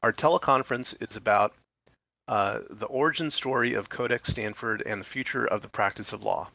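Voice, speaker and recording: Hosting an interview teleconference, a podcast host reads a sponsor note and then talks loosely, using fillers. His mid-range voice is gravelly with a sharp tone, and he speaks a little fast. The teleconference audio is dull and dry, without room sound.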